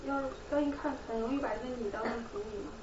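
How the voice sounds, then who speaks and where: A student asking the teacher quick questions during a live class. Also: high-pitched, reverberant, distant mic, lo-fi sound, noisy background. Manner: asks brief questions from across the room.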